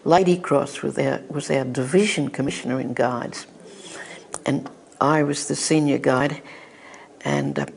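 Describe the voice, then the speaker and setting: Chuckling elderly woman, gravelly. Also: very deep voice, fairly even intonation, measured pace, pauses often, slight background noise. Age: 80s. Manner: fond, chuckling storyteller. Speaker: oral history interviewee. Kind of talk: reminiscing anecdote.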